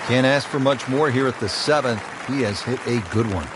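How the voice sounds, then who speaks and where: A man's voice: medium pitch, normal speed, noisy background, close to an everyday voice. A man working as a golf commentator, calling play as a composed lead announcer in a video game. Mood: composed commentary. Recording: crowd ambience and music behind.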